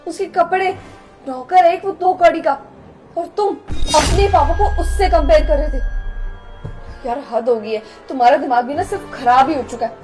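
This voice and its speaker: A woman's voice: moderate pace, darkish tone, soft background music, natural voice. A woman acting a snobbish young woman who scolds and looks down on poor people in a melodramatic skit. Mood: uneasy. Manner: scolding, contemptuous, shrill outbursts. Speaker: actor in a short skit.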